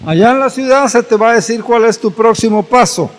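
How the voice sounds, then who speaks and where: A man pastor preaching a sermon, retelling scripture slowly and dramatically with repeated phrases. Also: very high voice. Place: church hall. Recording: echoey church hall.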